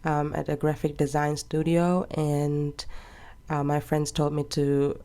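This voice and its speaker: Low-pitched and monotone, this woman in her twenties talks in an unhurried way while decorating her planner. A planner vlogger, she rambles casually with soft laughs.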